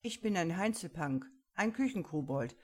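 A woman's voice: on the low side, animated. Paule, a grumpy goblin punk, voiced by a woman. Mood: grumbling. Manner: slow, gruff and resigned. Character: grumpy cheeky male kitchen goblin punk.

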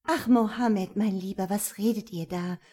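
Brief: woman playing a guarded young noblewoman, urgent, warm husky tone. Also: medium pitch, measured pace.

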